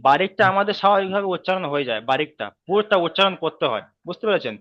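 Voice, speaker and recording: A man's voice: sits high, animated, rapid-fire, fairly bright tone, lo-fi sound. A man teaching Quran letter pronunciation in an online class, patiently repeating letters and syllables. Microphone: video call.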